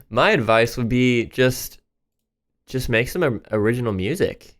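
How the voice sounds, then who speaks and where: A man's voice: mid-range voice, expressive, measured pace, a bit bright. A man hosting a reaction channel, talking casually and enthusiastically about songs as he thinks aloud.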